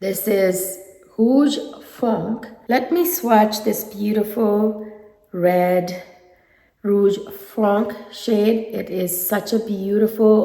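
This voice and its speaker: A woman with a stuffy, nasal head cold gushes over makeup for her viewers in a slow, unhurried way. Her voice has a gravelly edge. She is recorded in a roomy space with a long echo. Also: medium pitch, dark tone. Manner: gushing, enthusiastic. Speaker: beauty vlogger. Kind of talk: casual makeup review.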